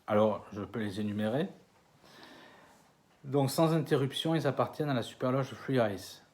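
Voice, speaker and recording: A man from France giving a conference lecture, hesitant with many fillers and restarts, slowing down over names. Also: medium pitch, darkish tone. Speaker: conference speaker. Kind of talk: lecture to an audience. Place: conference hall.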